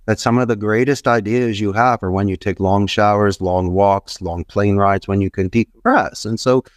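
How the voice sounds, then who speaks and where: Speaking at a moderate pace in a fairly low voice, a middle-aged Philadelphian, a podcast guest who runs a call center, delivers rambling motivational business advice in an interview, hammering repeated phrases. The studio sound is clean, without echo.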